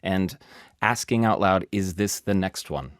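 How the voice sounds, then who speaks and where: A man with a low, deep voice talks through a science story on a podcast. He is animated and explains at length, with asides and emphasis. The studio sound is dry and close to the mic. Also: unhurried, dry recording. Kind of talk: casual explanatory podcast talk.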